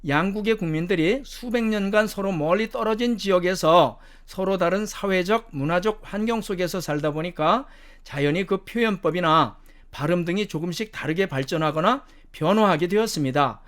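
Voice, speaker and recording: A man teaching a structured lecture, explaining each example step by step and repeating words slowly. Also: high-pitched, fairly bright tone. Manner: methodical, repeats each word twice slowly. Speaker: English teacher. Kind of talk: lecture on pronunciation.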